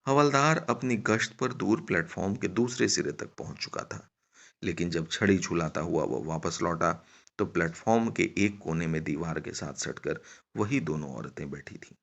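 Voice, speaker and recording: A man narrating a written short story in a measured, dramatic reading. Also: sits low, vocal fry, fairly bright tone. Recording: dull lo-fi recording.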